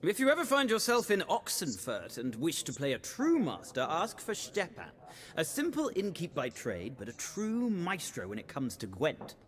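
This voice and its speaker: A man's voice: on the high side, huge pitch swings, moderate pace, fairly bright tone. An actor voicing a jovial, boastful male innkeeper in a video game.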